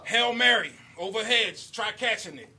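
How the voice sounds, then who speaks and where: A man with a high-pitched, animated voice spits bars at normal speed in a basement rap battle, chuckling occasionally between lines with punchy, rhythmic delivery. The live crowd recording is very noisy, full of cheering and shouting.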